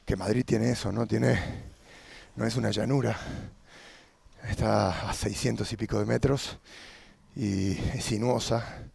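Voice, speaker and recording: A man with an Argentine accent, hosting a podcast as a casual monologue while riding a bicycle outdoors, thinking aloud with pauses mid-phrase. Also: fairly low pitch, steady tone, gravelly, a little mellow, slightly rough, no echo. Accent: Argentine Spanish. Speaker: podcast host.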